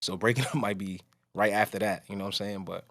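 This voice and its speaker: A fast-talking man with a lowish, a bit bright voice and a steady tone hosts a podcast. He chats casually and strongly, rambling and beginning sentences over again and again.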